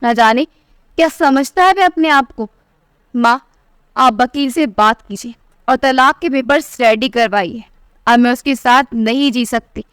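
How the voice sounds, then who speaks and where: A woman's voice: a little high, unhurried, clean tone, no echo, clean studio sound, close to an everyday voice. A woman voicing a proud, defiant young wife. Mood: angry. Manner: sharp, defiant. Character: proud angry young married daughter. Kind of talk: storybook narration.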